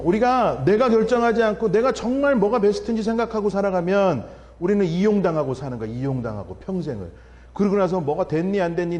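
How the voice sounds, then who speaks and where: Animated pastor preaching in a reverberant church hall. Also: male voice, high-pitched. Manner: animated preaching with sudden loud and soft swings, acting out family dialogues. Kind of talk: revival sermon. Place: church sanctuary.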